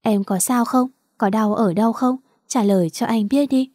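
A gentle young man apologizes tenderly in a storybook romance, read by a woman narrator. The voice is warm and relaxed, and it is recorded dry and close. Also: a little high, normal speed, dry recording, natural voice. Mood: tender remorseful. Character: remorseful young man comforting his lover.

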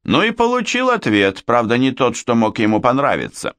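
A man's voice: mid-range voice, wildly swooping pitch, normal speed, fairly bright tone, dry recording, pitched above the performer's own voice. A man voicing a vengeful, scheming older Frenchwoman confessing her crimes with a snappish, bitter edge in an audiobook. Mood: spiteful. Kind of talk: audiobook character voice.

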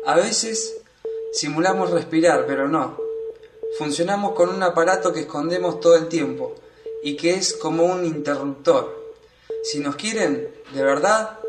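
A man's voice: fairly high pitch, lightly acted. A man playing a weary robot that longs to stop being one, in a scripted radio monologue. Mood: pleading, resigned. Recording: echoey, distant, noisy with telephone tones.

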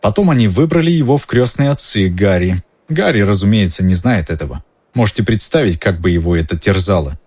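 A man's voice: fairly low pitch, lively intonation, a little fast, a little mellow. A man voicing a stout, pompous government minister with a confiding, ingratiating manner in an audiobook. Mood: grave. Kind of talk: audiobook character voice.

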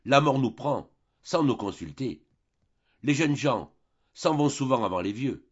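A man's voice: medium pitch, animated, unhurried, breathy edge, lo-fi sound. A man voicing a chattering older female boarding-house keeper in an audiobook, with a rambling, gossipy delivery.

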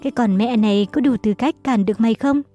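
A woman's voice: a little high, quick pace, warm tone, faint music behind, close to an everyday voice. A woman voicing a stern elderly father who scolds and threatens his son. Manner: commanding, scolding.

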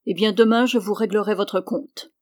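A woman's voice: medium pitch, fairly even intonation, moderate pace, darkish tone, no room sound, clean studio sound, close to an everyday voice. A woman voicing a stout middle-aged man, a master who loses his temper, reading with a commanding, raised voice. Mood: cold. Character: stout middle-aged male master, anxious then furious.

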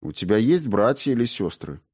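A man reading an audiobook, voicing a composed tsaritsa who speaks in a measured, sorrowful way. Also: lowish voice, sing-song, darkish tone, husky. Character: grave, composed fairy-tale tsaritsa.

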